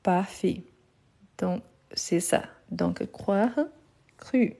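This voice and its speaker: A woman teaching a live online lesson on her phone, slowly repeating each verb and confirming her students' answers with patient approval. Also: on the low side, creaky, dark tone, husky. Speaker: French teacher.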